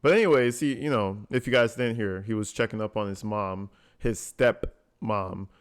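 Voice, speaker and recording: Reacting to a recorded jail call, a male commentator host talks bluntly and conversationally, using slang and plenty of swearing. His fairly low voice sounds clear and resonant at a normal speed.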